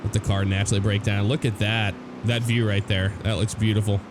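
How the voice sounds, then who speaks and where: Under heavy car engine and road sounds from the game, a young man from the United States comments casually on his driving, slightly fast and in a level tone. His lowish voice is hoarse from a cold, and he rambles with lots of fillers and restarts.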